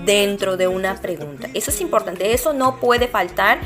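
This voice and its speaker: A woman's voice: mid-range voice, normal speed. A young adult woman with a Mexican accent, a teacher patiently explaining a lesson step by step to her pupils. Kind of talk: classroom lesson. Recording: music playing behind her.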